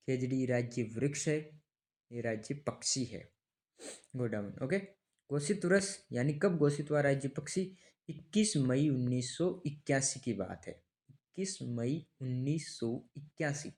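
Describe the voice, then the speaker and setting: A man's voice: mid-range voice, darkish tone. Chatty male teacher drilling exam facts. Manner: chatty, asks students rhetorical questions, calls them brother; repeats key dates and names for memorising. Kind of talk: online exam-prep lesson.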